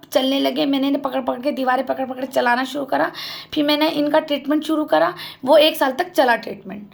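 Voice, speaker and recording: Woman with a raspy fry in her voice, vlogging her story, fired up and accusing. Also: high voice. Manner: impassioned, accusatory, addresses family members directly. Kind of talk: emotional personal account to camera.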